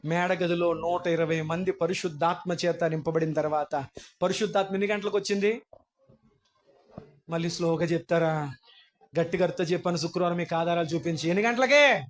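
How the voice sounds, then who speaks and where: A male pastor delivers a sermon with a notably high voice. He quizzes his listeners and climbs into fervent, near-shouted declarations. The delivery is emphatic throughout. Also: fairly quick. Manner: questions the congregation, rising to impassioned shouts. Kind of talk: Easter sermon. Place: church hall.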